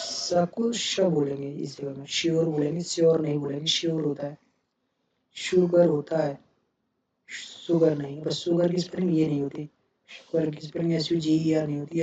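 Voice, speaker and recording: Male tutor, flat delivery, repeats words, dull lo-fi recording. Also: fairly high pitch. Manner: repeats each word, contrasts wrong and right sounds. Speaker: English pronunciation teacher. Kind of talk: explaining word by word. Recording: dull lo-fi sound with faint noise.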